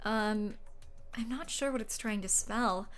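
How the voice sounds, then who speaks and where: A young woman streaming a game, reading its text aloud in a soft, low-key way with quiet asides. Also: unhurried, smooth, faint music behind. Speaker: gaming streamer.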